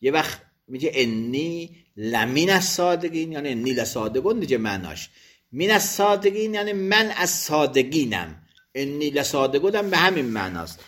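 A man's voice: on the high side, sing-song, a bit bright. A man teaching religious law, reading each phrase of a text aloud and then explaining it, sometimes correcting himself mid-word. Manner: thinks aloud with quick self-corrections.

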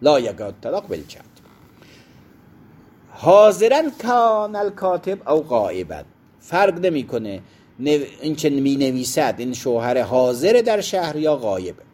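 Male seminary teacher, husky, lively delivery, quotes Arabic texts and explains them. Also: mid-range voice. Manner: explanatory, pauses to define terms. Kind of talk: classroom lecture on Islamic jurisprudence.

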